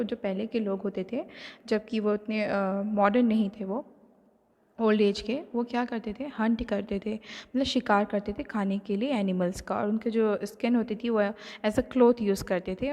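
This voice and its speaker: A woman's voice: medium pitch, darkish tone. Indian woman teaching in an echoey hall. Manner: reads English textbook lines slowly, then explains them in Hindi with many fillers. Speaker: online class teacher. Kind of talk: recorded lesson explaining a textbook. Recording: long hall reverb.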